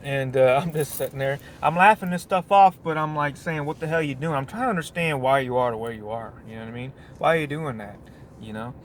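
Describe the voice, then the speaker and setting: A man's voice: medium pitch, fairly quick, slight background noise. Rambling man chatting on break. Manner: meandering, full of restarts and "you know what I mean". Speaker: vlogger. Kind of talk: casual rambling monologue.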